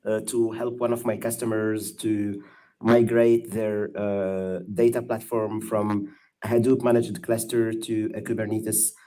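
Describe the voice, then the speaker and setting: A man with a fairly low voice speaks in a measured, explanatory way. He is a guest on an online panel and is heard over a video call. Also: little pitch movement, mellow. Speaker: guest expert. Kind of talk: casual online panel chat.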